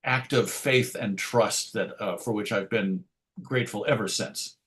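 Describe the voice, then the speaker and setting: A middle-aged American man, guesting on a radio show, tells stories in a reflective, conversational interview, rambling, self-deprecating and keen on his subject. His voice is lowish and a bit bright, with a measured pace.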